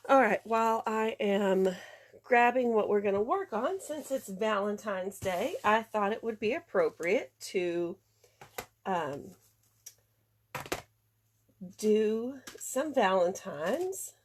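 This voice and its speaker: A woman's voice: medium pitch, animated, slow, long pauses. A congested woman chatting casually through a craft tutorial, talking through each step as she works. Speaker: card-making demonstrator.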